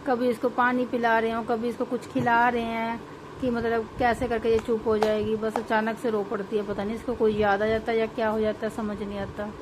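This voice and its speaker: A woman's voice: a little high, flat delivery, brisk. A woman speaking with a tinge, chatting at length in a casual home vlog about her baby, with lots of fillers. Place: at home, indoors. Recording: noisy home recording.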